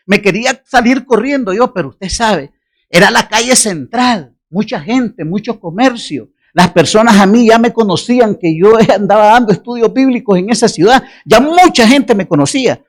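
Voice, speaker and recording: Pastor, male, high voice, lively sermon storyteller with self-mocking laughs.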